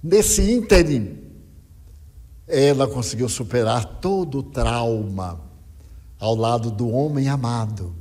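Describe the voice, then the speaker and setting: An older man telling a story in a lecture, dramatic and lively as he quotes other people. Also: medium pitch, slow, pauses often, big-room sound. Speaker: spiritist speaker.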